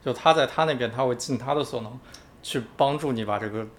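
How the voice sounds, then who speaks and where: A man co-hosting a podcast in casual chat, explaining calmly and patiently, often repeating words. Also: mid-range voice, fast talker, slight background noise. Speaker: podcast co-host.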